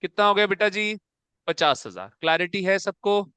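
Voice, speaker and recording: A man's voice: sits high, expressive, normal speed, sharp tone, no room sound. A man teaching an accounts class to a room of students, coaxing them along and checking often whether they have understood. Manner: coaxing, calls students "beta", keeps asking if it is clear. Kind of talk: classroom lecture.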